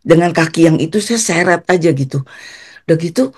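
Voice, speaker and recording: A woman giving a personal testimony as a guest, telling her story in an animated way and acting out the quotes. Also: fairly quick, breathy edge. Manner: animated, acts out quotes with pitch jumps.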